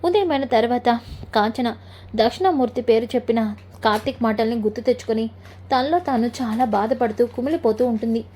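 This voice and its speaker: A woman's voice: fairly high pitch, fairly quick, slightly rough. A woman narrating a recap of a TV serial episode, carrying the story along steadily. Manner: steady storytelling with linking phrases.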